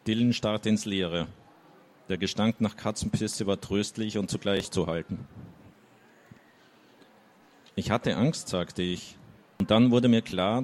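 Man, low voice, reading a novel aloud, first-person story, hesitant asides. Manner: hesitant when summarizing, with fillers. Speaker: audiobook reader. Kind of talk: reading a novel aloud with short spoken summaries.

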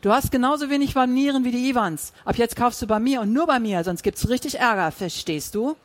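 A man's voice: very high voice, a little fast, no room sound, pitched above the performer's own voice. A reader voicing Sid, a threatening young male drug dealer, harsh and menacing, in an audiobook.

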